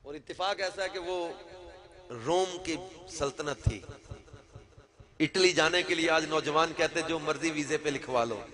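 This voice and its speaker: High-voiced Pakistani preacher telling a story. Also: male voice, pauses often. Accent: Pakistani Urdu. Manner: dramatic, building to loud emotional peaks. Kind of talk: sermon storytelling. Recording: live crowd audible behind. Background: crowd.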